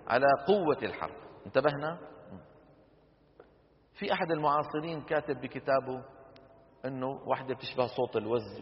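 A man's voice: medium pitch, a little hiss or hum. A man teaching Quran recitation to a class, explaining patiently, quizzing students with rhetorical questions and demonstrating sounds. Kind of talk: classroom lecture on tajweed. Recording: lo-fi hall recording with long reverb.

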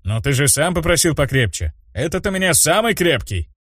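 A burly orc tavern keeper from a storybook, proud and hearty in his talk, as a male narrator voices him. His voice rises and falls with lively energy. The recording is close and dry. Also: fairly high pitch, brisk, dry recording, voice pushed up.

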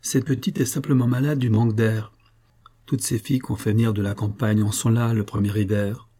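A man's voice: fairly low pitch, fairly even intonation, fairly quick, warm tone. A man voicing a curt, dismissive middle-aged husband.

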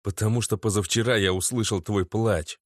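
A man's voice: on the low side, steady tone, normal speed, no room sound, studio quality, close to an everyday voice. A man voicing a nervous young boyfriend who earnestly pleads to be believed.

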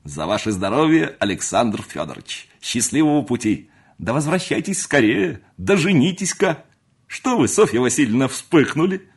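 A man's voice: medium pitch, sing-song, normal speed, husky, voice pushed up. A man doing a jovial old family friend. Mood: teasing. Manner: hearty, teasing. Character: jovial older male family friend, fond of food and drink.

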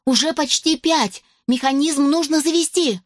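A woman's voice: sits high, moderate pace, no room sound, studio quality, pitched above the performer's own voice, lightly acted. A woman voicing a stubborn teenage girl heroine who pleads and insists, in an audiobook. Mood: alarmed.

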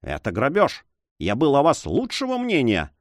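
Brief: male reader doing a cornered, haughty major in an audiobook; lively raised pitch. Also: normal speed, dry recording, studio quality. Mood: indignant. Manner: tense, indignant, then faltering. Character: frightened, proud military major. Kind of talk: audiobook character voice.

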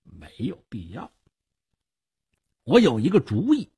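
Man reading as sly older rich uncle, husky and unhurried, calm persuasive manner. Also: fairly high pitch, exaggerated voice. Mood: calm scheming. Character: shrewd older wealthy male uncle, calm and scheming.

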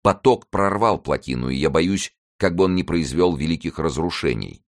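A man reads as a bold, cunning churchman who stirs up a crowd. The voice is very deep, assured and rousing. It is a storybook reading. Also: expressive, moderate pace. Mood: grave.

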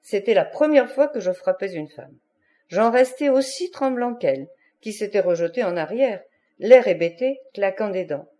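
Warm-voiced woman reading an audiobook. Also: medium pitch, lively intonation, normal speed. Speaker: audiobook reader. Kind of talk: audiobook narration.

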